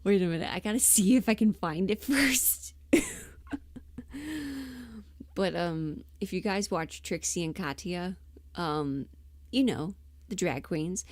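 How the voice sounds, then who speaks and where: This livestream host and audio performer has a lowish woman's voice and speaks slowly, with no room sound. She chats casually while working, frequently mumbling half to herself and letting sentences trail away.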